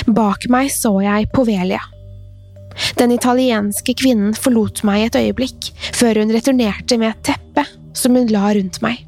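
A woman's voice: a little high, a little mellow. A woman reading a scripted first-person horror story in a tense, suspenseful way. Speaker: narrator. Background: faint music.

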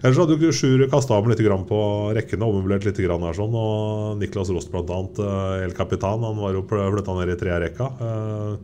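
Male podcast host, fairly low voice, chatty sports talk, slight background noise. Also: hardly any pauses, dark tone. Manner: chatty, loosely phrased questions. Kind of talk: casual sports chat.

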